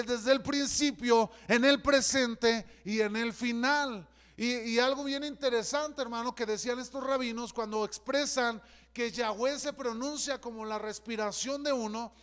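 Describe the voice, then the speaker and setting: High-voiced fervent male pastor preaching. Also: fairly bright tone, clear, resonant tone. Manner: fervent preaching, often calls out "hermano". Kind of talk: sermon.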